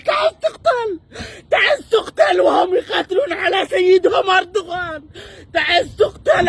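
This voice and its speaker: A young man with a Taizi Yemeni accent makes an impassioned plea, crying angrily and shouting in anguish as he repeats himself insistently. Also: very high voice, slight background noise. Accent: Taizi Yemeni Arabic. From Taiz, Yemen. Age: young adult. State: crying bitterly.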